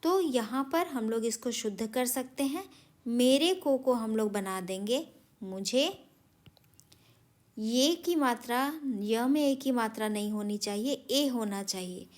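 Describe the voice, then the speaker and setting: Slow, patient woman teaching children. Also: fairly high pitch. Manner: patient, addresses children, spells out words slowly. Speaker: primary school Hindi teacher. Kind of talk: recorded classroom lesson for children.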